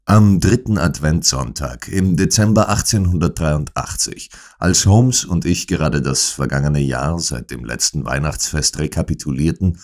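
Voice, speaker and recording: A male narrator reads a detective audiobook in the first person, his voice extremely low. He tells the story measured and dry, recorded close on a studio microphone. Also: darkish tone.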